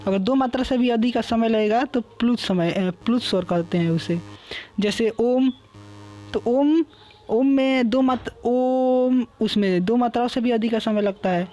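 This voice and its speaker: A man's voice: sits high, a little mellow, lo-fi sound. Man teaching a patient grammar lecture. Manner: explains patiently, repeats terms and drawn-out vowel examples. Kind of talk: classroom lecture.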